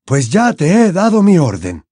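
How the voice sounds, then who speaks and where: A male audiobook reader voicing an elderly wizard headmaster with slow, high, drawn-out pleas. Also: huge pitch swings, warm tone, no echo, clean studio sound, exaggerated voice. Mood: firm, insistent. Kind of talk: audiobook character voice.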